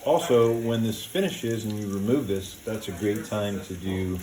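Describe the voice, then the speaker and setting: A man hosting a casual cooking video in a home kitchen, talking step by step in a relaxed, plain way with many "uh"s and "um"s. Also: on the low side, moderate pace, crowd noise. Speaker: home cooking show host.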